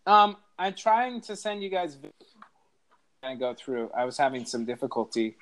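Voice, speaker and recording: A man's voice: mid-range voice, very animated, moderate pace, fairly bright tone. A man co-hosting a podcast over a call, telling stories in a rambling, hesitant way with lots of fillers. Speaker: podcast co-host. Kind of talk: casual chat.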